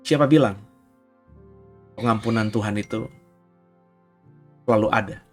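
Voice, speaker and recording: A man, a pastor giving an emphatic Bible teaching sermon that rises to near-shouts on key points. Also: fairly low pitch, unhurried, soft background music.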